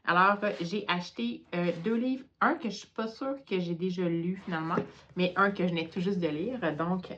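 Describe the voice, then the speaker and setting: A woman's voice: fairly low pitch, normal speed, a bit bright, highs cut off. A tired woman with a Quebec French accent chatting hesitantly at home in a casual book vlog, with many fillers. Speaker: book vlogger.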